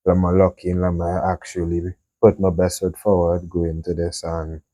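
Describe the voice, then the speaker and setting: A teenage sprinter talking casually about his running, in a relaxed, slangy way. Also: low voice, moderate pace, no echo. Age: teens. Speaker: young sprinter guest. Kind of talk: casual interview chat.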